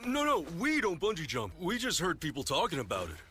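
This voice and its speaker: An actor playing a former teen delinquent in an anime dub, sheepishly explaining. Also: male voice, a little high, huge pitch swings, a little fast, pushed and bright, slight background noise, exaggerated voice.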